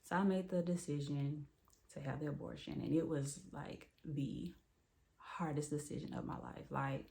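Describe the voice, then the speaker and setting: A woman's voice: low-pitched, fairly even intonation, normal speed, gravelly, mellow. A woman, telling a personal story in a candid, casual way with many fillers. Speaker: storyteller vlogger.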